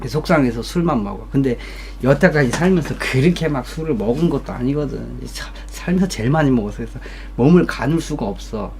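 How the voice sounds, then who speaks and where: A man's voice: mid-range voice, animated, fairly quick, few pauses, a little mellow. A young man telling a story casually from his streaming room, blunt and swearing, acting out coworkers in raised voices. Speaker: streamer giving life advice.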